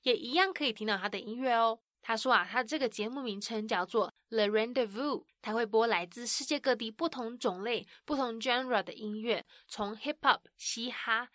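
A woman's voice: a little high, moderate pace, few pauses, fairly bright tone, dry recording, clean studio sound. A woman narrating a recap on a radio show in an upbeat, chatty way, ending sentences with particles.

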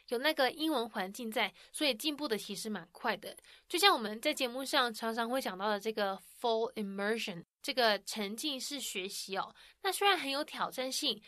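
A woman narrates a radio recap with a bright, crisp voice pitched a little high. She stays upbeat and chatty, finishing her sentences with soft particles. The recording is dry and close-miked. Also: no echo.

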